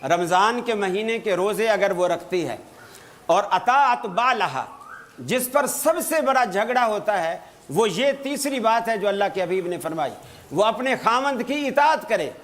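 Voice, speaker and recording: A man giving a religious talk to an audience, telling stories with light humor and reciting Arabic phrases slowly. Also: high-pitched, expressive, fairly bright tone. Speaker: Islamic preacher.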